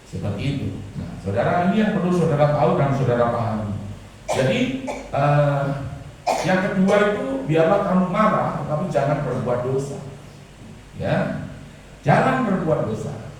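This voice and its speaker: A middle-aged man preaches a sermon in a slightly raised voice. He punches some words loudly and lets others fall quiet. The recording is made from far away in a very echoey church hall, with a faint hiss underneath. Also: on the high side, sing-song, moderate pace. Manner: emphatic, preaching with sudden loud and soft swings. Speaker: pastor.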